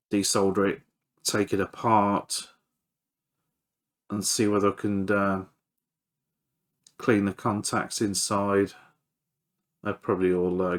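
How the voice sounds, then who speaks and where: A man with a lowish, slightly bright voice presents an electronics repair video. He offers casual, hands-on commentary while he works, hesitant and thinking aloud.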